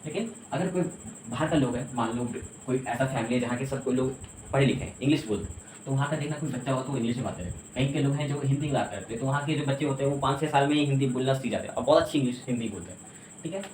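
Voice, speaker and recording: This classroom lecture features a man teaching English at a very fast clip, his medium-pitched voice carrying a darkish tone. He explains things one step at a time and keeps checking that his students keep up. The room is echoey, with slight background noise.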